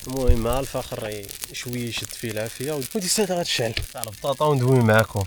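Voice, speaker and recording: A young man with a Moroccan accent chatting casually to camera as a vlogger. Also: medium pitch. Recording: clearly noisy outdoor recording.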